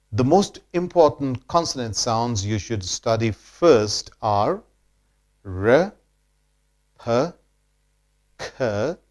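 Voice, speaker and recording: Male teacher with an Indian English accent, a measured lecturing delivery, very unhurried. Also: on the low side. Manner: deliberate, repeats key sentences. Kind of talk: slow scripted lesson narration.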